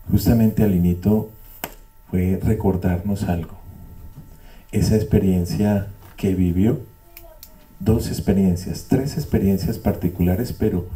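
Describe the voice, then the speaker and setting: An older speaker at a spiritual community gathering gives a reflective testimony in a meeting room before a live audience, repeating himself and slipping into dry, wry tangents. His voice is low and warm, caught on a distant mic.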